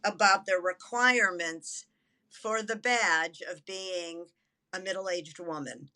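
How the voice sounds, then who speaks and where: A woman's voice: fairly low pitch, takes it slowly, sharp tone. A seventy-year-old woman talking as a guest in a podcast interview, chatty and enthusiastic. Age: 70s. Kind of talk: casual interview chat.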